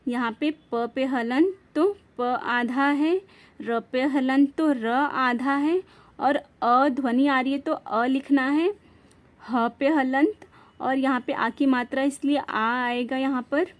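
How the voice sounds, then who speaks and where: A woman's voice: sits high, takes it slowly. A woman teaching a grammar lesson, spelling out words letter by letter and asking questions she then answers herself. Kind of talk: classroom-style grammar lesson.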